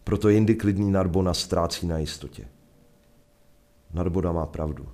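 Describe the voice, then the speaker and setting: A Czech man telling a first-person adventure story in a measured, vivid narration. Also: sits low, warm tone. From Czech Republic.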